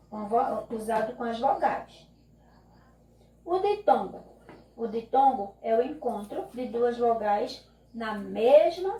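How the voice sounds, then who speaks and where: A woman's voice: fairly high pitch, warm tone. Brazilian lady teacher, patient and drawn out, keeps asking ok?, kinda far off in an echoey room. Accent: Brazilian Portuguese. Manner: slow, patient, drawn-out classroom explaining with frequent "ok?" checks. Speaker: primary school teacher. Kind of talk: recorded remote class lesson. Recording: echoey room, mic at a distance.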